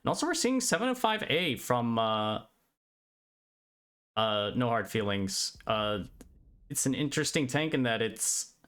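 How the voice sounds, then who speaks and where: A man casting a live esports match over a remote call, calling the action steadily with quick technical asides. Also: mid-range voice, big pitch swings, a bit bright. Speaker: esports play-by-play caster. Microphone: remote call over the internet.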